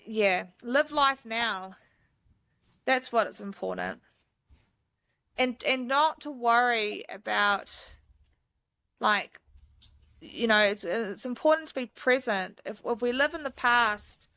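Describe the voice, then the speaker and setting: A woman's voice: a little high, slow pace, pauses often, bright, forceful tone, clean tone, dry recording. A woman, a mountain guide chatting enthusiastically as a podcast guest, with lots of fillers. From New Zealand. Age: 30s. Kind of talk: casual interview chat.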